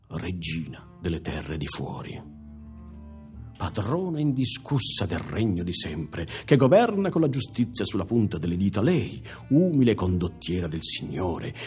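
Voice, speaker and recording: A man performing a theatrical monologue, telling the story expressively, moving from hushed to emphatic and speaking directly to the audience. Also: deep voice, husky. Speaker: stage performer. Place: theatre stage.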